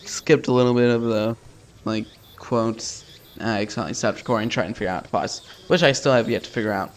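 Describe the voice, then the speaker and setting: This medium-pitched, brisk male voice belongs to a video game streamer doing a casual let's play of a visual novel. He reads the game's text aloud in an informal, slangy, offhand manner.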